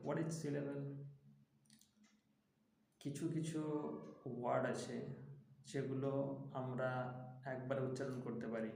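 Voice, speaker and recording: A young man with a Bengali accent teaching an English grammar lesson, speaking in a slow, halting way with many fillers. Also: mid-range voice, gravelly, darkish tone. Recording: echoey room with faint background noise.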